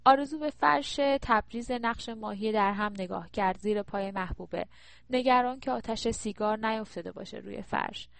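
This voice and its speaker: A woman narrating a novel with steady, descriptive storytelling. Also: mid-range voice, creaky, dry recording. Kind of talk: audiobook narration.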